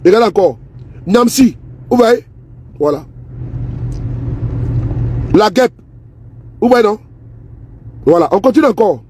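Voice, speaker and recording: A man's voice: sits high, expressive, slow pace, pauses often, a little mellow, a little hiss or hum. A man giving casual, scornful political commentary to camera, repeating himself and asking viewers if they see. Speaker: political vlogger. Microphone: phone or camera he handles himself.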